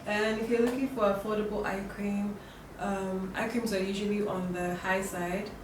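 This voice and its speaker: Croaky with a cold, a young woman who makes beauty videos chats her way through a makeup tutorial at normal speed and medium pitch, full of fillers and restarts. The noisy home recording is distant and roomy, with a constant hiss beneath her voice.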